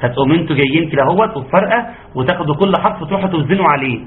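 A man with an Egyptian Arabic accent who teaches Quran recitation in an online class. He stretches out his fillers and slowly demonstrates each sound. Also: on the high side, lively intonation. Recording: tinny phone-like line, faint ambience.

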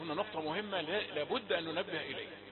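A man with an Egyptian accent teaching Quran pronunciation, explaining rules and demonstrating with slow, drawn-out chanted examples. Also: on the high side, a little hiss or hum. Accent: Egyptian Arabic. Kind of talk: tajweed lesson with chanted examples. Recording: tinny phone-like sound with crowd behind.

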